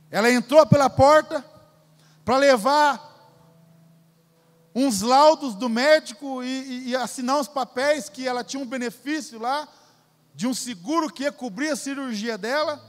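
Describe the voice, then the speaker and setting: A man's voice: very high-pitched, in a large hall. A Brazilian man preaching a sermon, emphatic and repetitive, calling the congregation "dear". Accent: Brazilian Portuguese. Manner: emphatic, repeats phrases, addresses crowd as "querido". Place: church.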